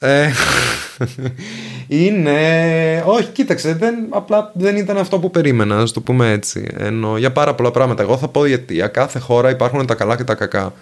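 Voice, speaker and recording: Venetian Italian-accented man, linguist guest, mid-pitched, unhurried, pauses to pick his words. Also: animated. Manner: slow, thoughtful, pauses to find words. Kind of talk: casual conversation.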